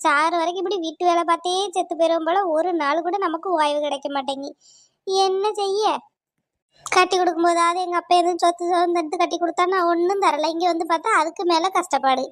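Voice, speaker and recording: A woman voicing a weary, sharp-tongued middle-aged village wife who keeps cows, speaking. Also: extremely high pitch, fast talker, dry recording, clean studio sound. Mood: grumbling. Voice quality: grumbling, scolding. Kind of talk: cartoon voice acting.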